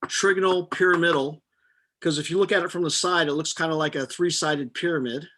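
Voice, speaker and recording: A man's voice: on the high side, fairly even intonation, fairly quick, sharp tone, a little hiss or hum. A middle-aged man teaching a chemistry class, explaining step by step with patient jokes. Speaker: chemistry instructor. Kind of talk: live online chemistry lecture.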